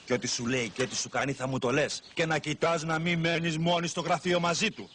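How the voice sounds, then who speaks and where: An actor playing a jealous, anxious young husband who flares up easily, in an old comedy film. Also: male voice, a little high, steady tone, fairly bright tone, a little hiss or hum, natural voice. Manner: anxious, sulky, quick to flare up. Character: jealous fretful young husband, office clerk. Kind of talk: 1980s film comedy acting.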